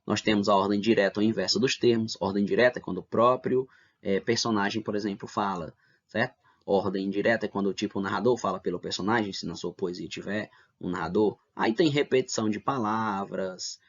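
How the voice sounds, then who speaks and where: Guy teaching an online class, lowish voice, muffled lo-fi audio, keeps asking "tá bom?". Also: fairly quick. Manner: explains step by step, asks rhetorical questions, adds "né?" and "tá bom?". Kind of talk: online lesson for middle school. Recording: dull lo-fi lesson recording.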